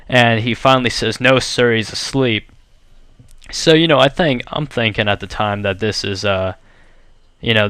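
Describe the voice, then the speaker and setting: A man's voice: on the low side, fairly bright tone, smooth, dry recording. A young man chatting casually over gameplay, telling a story in a rambling way full of "like" and "you know.". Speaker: gaming channel host.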